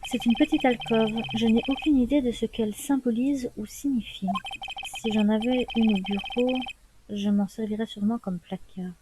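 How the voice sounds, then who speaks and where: A woman hosting a let's play, reading the game's text aloud evenly and adding soft casual asides. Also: a little high, steady tone, normal speed, background noise. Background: game music.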